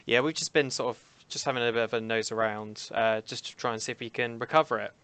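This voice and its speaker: A man's voice: mid-range voice, steady tone, pushed and bright, clean tone, no echo, close to an everyday voice. A man playing a polite tiefling adventurer in his own voice, speaking hesitantly with many halts. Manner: hesitant, halting.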